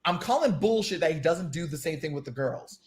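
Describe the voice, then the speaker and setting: Animated ranting man. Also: on the high side, fairly quick. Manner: animated, ranting, many restarts. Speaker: podcast co-host. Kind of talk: casual chat.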